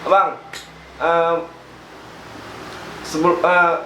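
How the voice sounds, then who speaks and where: A man's voice: fairly high pitch, flat delivery, very slow, fairly bright tone. Slangy Jakarta-area man hosting, echoey noisy room. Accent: Jakarta-area Indonesian. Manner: slangy, bantering, echoes guest's answers. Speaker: host. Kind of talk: casual chat interview. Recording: echoey room with clear background noise.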